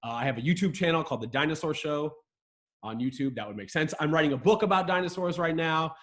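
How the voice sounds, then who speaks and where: Over a video call from a room in his rented home, an excited Ohio man hosts a casual dinosaur livestream lesson for his viewers. He's chatty and jokey, clearly thrilled by the topic, and his voice is a little high and fast.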